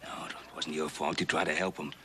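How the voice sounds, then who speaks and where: An actor playing a firm, concerned, responsible rancher in a 1960s TV western, with earnest, plain speech. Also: male voice, extremely low pitch, little pitch movement, brisk, bright, forceful tone. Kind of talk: 1960s television western acting.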